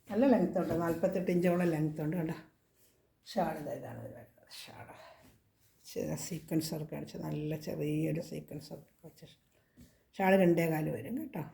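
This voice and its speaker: A woman with a Kerala Malayalam accent and a slightly hoarse voice from a cold, chatting casually as she shows clothing for sale. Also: low voice, dark tone, echoey room, a little hiss or hum. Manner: chatty, repeats prices and sizes. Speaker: clothing seller. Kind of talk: casual product showcase.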